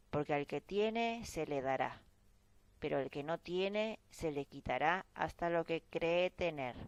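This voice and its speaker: A woman reading a Bible chapter aloud in a slow, measured way. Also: sits low, smooth, no echo, rough recording. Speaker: Bible reader. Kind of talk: scripture reading.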